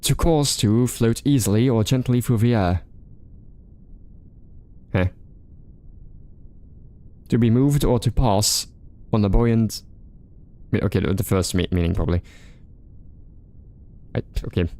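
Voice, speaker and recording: A man's voice: fairly low pitch, unhurried, long pauses, warm tone. A male streamer reading a visual novel aloud, restarting stumbled words and chatting casually about the game. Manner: stumbling rereads, casual fillers.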